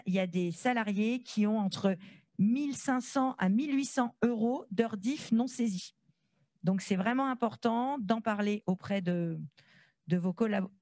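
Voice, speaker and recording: A woman's voice: on the high side, a little mellow, no room sound. Woman presenting through a face mask, dry sound. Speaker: presenter at a conference. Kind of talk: informal explanatory presentation. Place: conference room with a small panel on stage. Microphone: handheld microphone held close to the mask.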